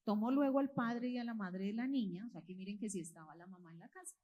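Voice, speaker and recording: A woman's voice: medium pitch, quick pace, dull audio. A woman, telling a Bible story to children and parents in church and quizzing them as she goes. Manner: expressive, quizzes the listeners. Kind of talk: storytelling sermon to families. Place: church hall with children present.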